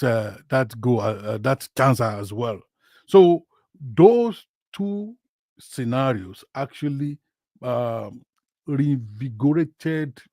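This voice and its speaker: A man with a gravelly, creaky voice talks slowly through a casual football vlog, reading viewers' comments aloud. He keeps asking rhetorical "what?" questions and answering them himself, repeats his phrases, and gets loud and animated at times. The recording is dry and close. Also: medium pitch, no echo. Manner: repeats words and phrases, with many fillers; animated, with big swings in loudness.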